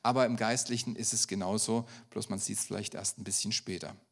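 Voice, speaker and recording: A man's voice: on the low side, steady tone, brisk, husky, in a large hall. A man preaching a sermon in a church, often putting direct questions to the congregation. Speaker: pastor.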